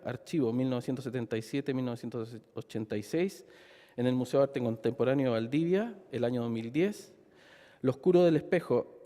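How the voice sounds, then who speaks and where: A man moderates a formal panel. His voice is mellow and rings through a hall with long reverb. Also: mid-range voice.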